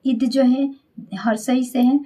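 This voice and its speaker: A woman with a slightly high voice teaches a grammar lesson in a patient classroom manner. She goes over each point more than once, sounds words out syllable by syllable and keeps checking in with her listeners before moving on. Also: fairly even intonation, slow, dark tone. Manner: repeats key points, checks in with "ठीक है" often.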